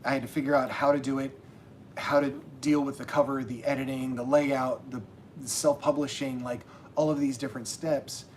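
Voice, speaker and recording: A man's voice: mid-range voice, level tone, moderate pace, slight background noise. A man hosting a casual livestream as a self-published author, talking in a rambling way with many restarts.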